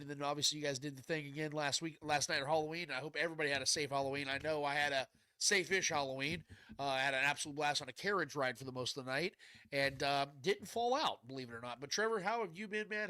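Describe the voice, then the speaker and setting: A male sports host with a badly stuffed nose and a congested, nasal sound. His voice sits fairly high and bright, and he talks in chummy, blunt slang at a brisk clip. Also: smooth, no room sound. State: stuffed up, can't breathe through nose. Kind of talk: casual sports talk.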